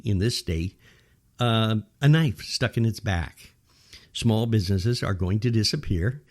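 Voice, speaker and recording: A man's voice: on the low side, a little mellow. An older man with an American accent delivers an opinionated monologue, a grumbling old man's rant punctuated with rhetorical questions. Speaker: opinion commentator. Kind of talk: opinionated monologue rant about current affairs.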